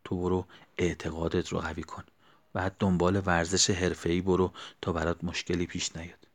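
A man reading as a soft-spoken devout young man. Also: deep voice, level tone. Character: calm devout young man, gently advising a friend.

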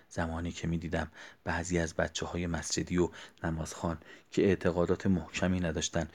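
A man narrates a memoir-style story in a very deep voice. His delivery is measured and subdued, and his intonation stays flat and even from line to line.

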